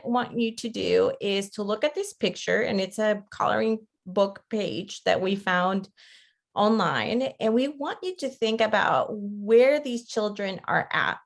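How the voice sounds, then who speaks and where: With a gravelly, mid-range voice and a measured pace, a woman from Costa Rica delivers an interactive online lecture. She's a teacher educator presenting a webinar in a conversational style, often checking in with her audience.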